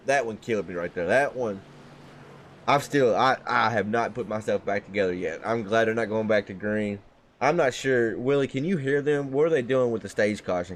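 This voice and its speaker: A man's voice: on the low side, a little hiss or hum. A man doing casual live race commentary from the booth, loose and chatty, laughing often.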